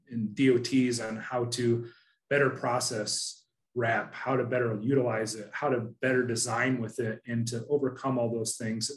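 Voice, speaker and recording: Earnest man on a roomy video call. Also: mid-range voice. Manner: earnest, many restarts and fillers. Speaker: panelist from an asphalt producer. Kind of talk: casual webinar discussion. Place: office.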